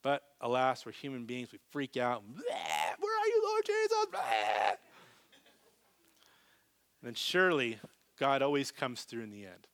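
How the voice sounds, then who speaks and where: A man preaching a live sermon to a congregation, animated, swinging from loud emphasis to very soft, hushed lines. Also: medium pitch. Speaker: pastor.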